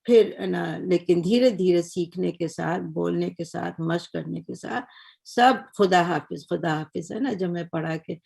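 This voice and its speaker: An older woman giving a lecture on Urdu, explaining patiently and measured, often checking in with her listeners. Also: fairly low pitch, gravelly, warm tone, husky. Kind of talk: recorded lecture.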